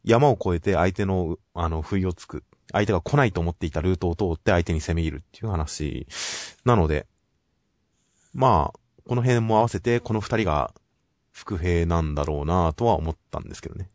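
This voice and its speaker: A man's voice: low-pitched, expressive, a little mellow, dry recording. A man co-hosting a casual talk show, politely and steadily summarizing manga chapters and giving his views. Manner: measured, polite, summarizing plot. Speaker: podcast co-host reviewing manga. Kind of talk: casual chat.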